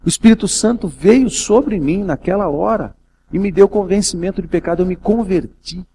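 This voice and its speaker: Man from Brazil, pastor preaching, gravelly voice, slightly high pitch, faint hiss behind. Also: moderate pace, dark tone. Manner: storytelling preacher, rising to emotional intensity. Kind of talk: sermon. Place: event hall.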